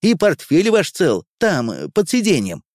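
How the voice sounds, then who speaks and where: A man voicing a brash young male army scout sergeant who talks loudly and rushes his excuses. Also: a little high, wildly swooping pitch, no echo, clean studio sound, voice pushed up. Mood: explaining.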